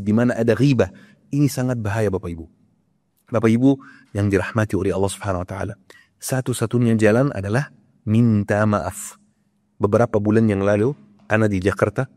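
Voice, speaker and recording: A man's voice: medium pitch, warm tone, big-room sound. A male preacher giving a sermon to a congregation, teaching through rhetorical questions and mixing in Arabic words.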